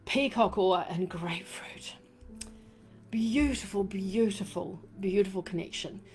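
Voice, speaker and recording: A woman with a New Zealand accent hosting a casual live stream from home, rambling warmly with many fillers and lots of "fabulous" and "beautiful". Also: mid-range voice, a little slow, faint music behind. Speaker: crystal and essential oil live-stream host. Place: home room. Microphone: desk microphone she turns around.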